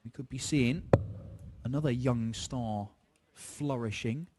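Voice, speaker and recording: A man's voice: mid-range voice, takes it slowly, a little mellow. A man giving live darts commentary with conversational analysis of the players and the play. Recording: clearly noisy live sports broadcast.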